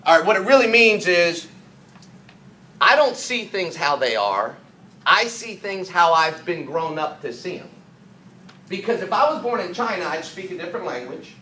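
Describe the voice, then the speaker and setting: A man from the United States giving an energetic motivational business training talk, full of rhetorical questions and jokey asides. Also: sits high, moderate pace. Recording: echoey room, faint background noise.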